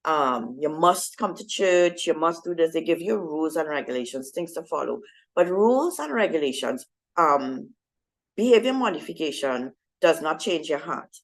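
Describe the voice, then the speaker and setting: A woman's voice: low voice, big pitch swings, normal speed, poor audio. A young adult woman telling her personal faith story to a women's group, conversational and often checking in with her listeners. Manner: conversational, with frequent fillers and "right?". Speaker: speaker at a women's ministry talk. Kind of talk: personal testimony to a women's audience.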